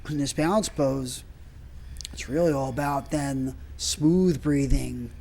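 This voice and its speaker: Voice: medium pitch, slow pace, creaky, a little mellow, slight background noise. A breathwork and movement trainer giving informal, rambling spoken instruction while demonstrating.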